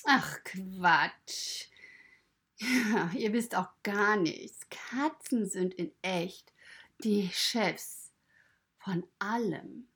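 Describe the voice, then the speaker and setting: A woman's voice: mid-range voice, drawn-out words, pauses often, fairly bright tone, husky, exaggerated voice. A woman voicing a boastful, cocky little male tomcat in a children's story, talking smugly about how cats rule everything. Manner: bragging, smug.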